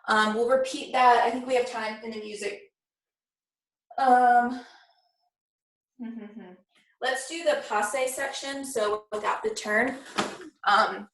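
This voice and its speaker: A woman's voice: on the high side, a bit bright. A woman speaking as a ballet master, teaching a class with encouraging corrections and counted-out steps. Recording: echoey room, distant from the mic.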